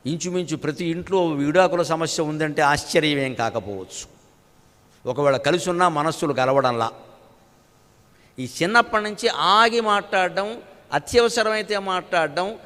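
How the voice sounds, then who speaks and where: An older man giving a spiritual discourse, slowly chanting verses and then explaining them in a chatty, lively way. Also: high voice. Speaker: spiritual lecturer. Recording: long hall reverb.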